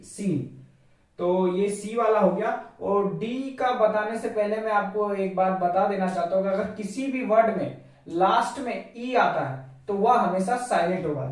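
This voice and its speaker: A man with a high, mellow voice teaches a vocabulary lesson, patiently repeating each word and asking his listeners rhetorical questions. He stands away from the microphone in a very echoey room. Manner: slow, repetitive explaining with rhetorical questions. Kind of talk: spoken English vocabulary lesson. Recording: very echoey room, voice far from the mic.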